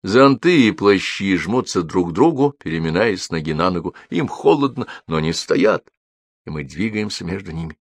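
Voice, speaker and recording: A man's voice: low-pitched, lively intonation, normal speed, no echo, studio quality. A man narrating a literary story expressively, with a rhythmic, repetitive telling. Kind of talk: literary reading.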